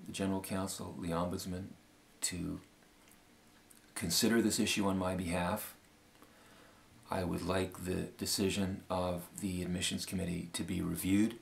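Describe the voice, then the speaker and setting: A Canadian man in his fifties giving a formal, measured appeal statement with many pauses and fillers. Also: sits low, little pitch movement, gravelly. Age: 50s. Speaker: law school applicant.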